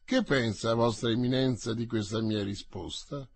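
A man voicing a bold, quick-witted young musketeer in an audiobook reading, with a husky voice and a mocking tone. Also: mid-range voice, fairly even intonation. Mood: wry.

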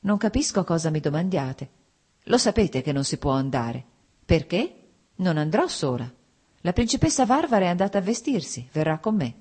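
A proud, defiant young noblewoman of high society, as a woman reader puts her on, her husky voice lifted higher than the narration. She speaks with heated insistence and defends herself point by point, in an audiobook reading. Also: big pitch swings, moderate pace, a little mellow. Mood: offended.

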